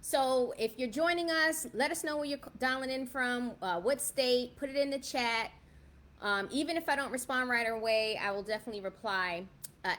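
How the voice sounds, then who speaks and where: This livestream host, a chatty fifty-something woman raised in the South Bronx, New York, talks directly to viewers and keeps tossing in "right?" Her voice runs a little high with a fairly bright tone.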